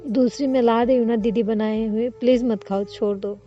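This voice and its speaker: A woman's voice: fairly high pitch, fairly even intonation, moderate pace, dull audio, faint music behind, natural voice. A woman voicing a shy, emotional young woman employee who pleads tenderly.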